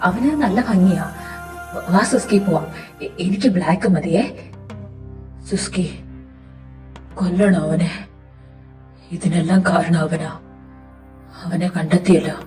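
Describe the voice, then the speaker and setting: A woman's voice: warm tone, far from the mic, natural voice. A woman voicing a grieving, vengeful young man. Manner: bitter, low-spoken, vengeful.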